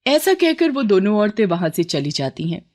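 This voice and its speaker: A woman narrating a cartoon horror story in steady storybook style. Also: medium pitch, normal speed. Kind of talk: scripted narration.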